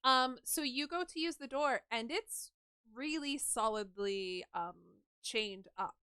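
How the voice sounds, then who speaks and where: A woman's voice: high-pitched, takes it slowly, pushed and bright, clear, resonant tone, dry recording, clean studio sound. A woman narrating as game master of a tabletop game, rambling and giggly with lots of fillers.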